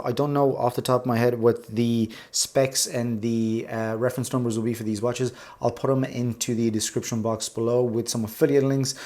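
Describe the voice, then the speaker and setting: A man's voice: medium pitch, darkish tone. A man hosting a casual unboxing vlog, talking enthusiastically and gushing over details with rambling asides. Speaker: watch reviewer, channel host.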